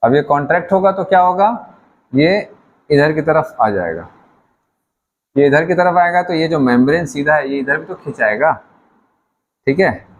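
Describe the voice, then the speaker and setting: A middle-aged man lectures in a classroom, his voice sitting fairly high. He is animated and keeps checking with his students, calling them up to act out a demonstration. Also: normal speed, long pauses, slight background noise. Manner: animated, asks students questions and calls them "beta". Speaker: biology teacher.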